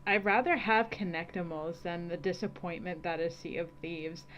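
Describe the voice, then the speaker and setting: A woman co-hosting a podcast in casual chat, animated and laughing often. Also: fairly low pitch, moderate pace. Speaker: podcast co-host. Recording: dull lo-fi recording.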